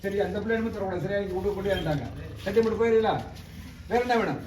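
A man's voice: sits high, very fast, a little mellow. A man with a Tamil Nadu accent leading an exorcism ritual, questioning the spirit sharply and giving commands, recorded from a distance in an echoey room with faint background noise. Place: temple shrine.

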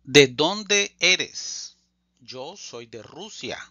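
A man teaching a language lesson, reading phrases slowly and deliberately and repeating them for learners. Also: a little high, animated, pushed and bright, no room sound, highs cut off. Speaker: Spanish teacher. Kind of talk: slow scripted language lesson.

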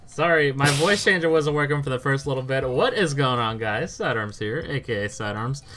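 A man's voice: medium pitch, normal speed, pushed and bright, slight background noise. A man talking through a voice changer, hosting a casual gaming session with friends in a joking way. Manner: joking, laughs often. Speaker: gaming channel host. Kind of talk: casual gameplay chat.

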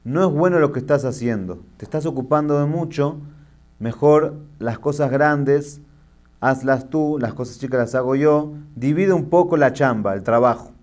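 A middle-aged man, a rabbi giving a sermon and telling jokes as a lively storyteller. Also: fairly high pitch.

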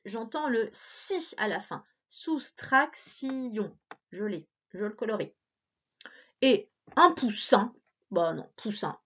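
Patient teacher lady explaining sounds to little kids, kinda muffled lo-fi recording. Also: medium pitch. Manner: slow, syllable-by-syllable, patient and encouraging. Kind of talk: remote reading lesson for young children. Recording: dull lo-fi recording.

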